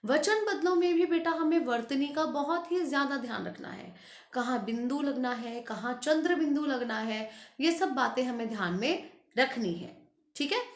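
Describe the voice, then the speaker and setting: A woman's voice: high-pitched, lively intonation, normal speed. A middle-aged woman teaching a school grammar lesson, patient and drawn out, calling her pupils "beta" and stretching out example words. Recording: echoey room.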